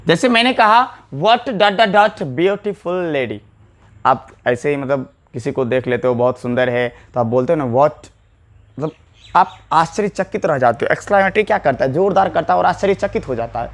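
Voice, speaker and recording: A man talks viewers through a grammar lesson at a medium pitch. He repeats each rule patiently and drops into friendly asides to his students. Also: brisk. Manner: explains patiently, repeats points, addresses viewers as bhai. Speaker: English teacher.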